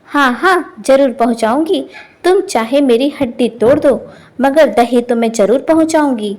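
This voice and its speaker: A woman's voice: high-pitched, measured pace, a little mellow. A woman voicing a stubborn, quarrelsome old village wife who scolds defiantly. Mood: wailing defiant.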